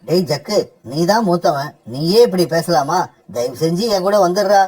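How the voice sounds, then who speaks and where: Brief: voice actor as a soft-spoken cartoon father crow, mild and pleading, mid-pitched. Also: normal speed, slightly rough, lightly acted. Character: gentle father crow, husband. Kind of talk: cartoon voice acting.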